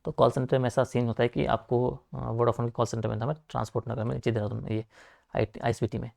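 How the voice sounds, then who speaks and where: Gravelly young male coaching teacher. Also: mid-range voice, level tone, a little mellow. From Uttarakhand, India. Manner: talks fast, repeats filler like "theek hai" and "aapka". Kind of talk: online lecture, informal asides to students.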